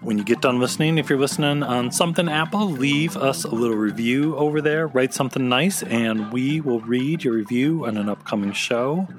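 A man's voice: medium pitch, moderate pace, few pauses, music in the background. Man co-hosting a casual fan podcast. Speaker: podcast co-host.

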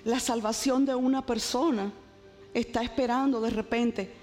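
Woman preacher telling her story to the church, a bit high voice, soft music under it, echoey hall. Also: fairly even intonation, normal speed. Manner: dramatic storytelling, urging the congregation. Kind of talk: testimony sermon.

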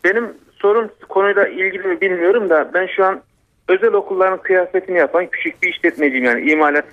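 A man's voice: high voice, quick pace. A man calling a radio show over a landline phone, polite and asking short questions. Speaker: radio caller. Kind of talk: call-in chat. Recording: tinny phone line.

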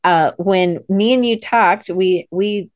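A woman's voice: medium pitch, takes it slowly, no room sound. American woman hosting, dry close sound. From United States. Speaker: host. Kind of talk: casual, chatty interview hosting.

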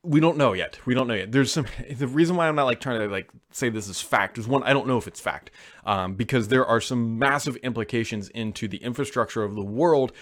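Male host, medium-pitched, conversational tech commentary and informal advice for viewers. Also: a little fast, fairly bright tone. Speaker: host answering viewer questions.

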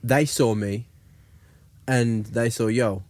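A man's voice: mid-range voice, normal speed, darkish tone. A young man with an urban London roadman accent in casual podcast discussion, speaking emphatically and repeating phrases to make his point. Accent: London, urban roadman slang.

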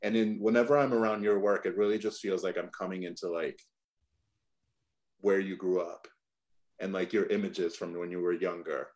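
A man's voice: low voice, steady tone, moderate pace, a little mellow. Chatty male podcast host. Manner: hesitant, many "like" fillers. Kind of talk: conversational interview.

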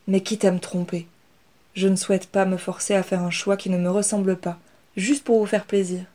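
A woman voicing a calm, self-assured young rat girl. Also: medium pitch, normal speed, lightly acted. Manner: calm, steady.

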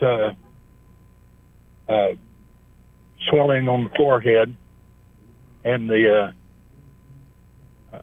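A man calling in to a radio show over the phone, asking his question in a halting way with many pauses and restarts. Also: medium pitch, no echo. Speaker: caller. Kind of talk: call-in question to a radio doctor. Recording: tinny phone line, dry.

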